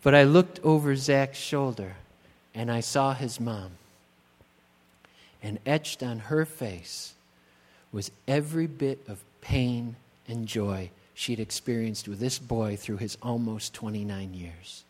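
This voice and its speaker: A middle-aged man, a pastor, preaching a sermon in a church, slow and emphatic, building on repeated rhetorical questions. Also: medium pitch. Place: church sanctuary. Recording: long church-hall reverb.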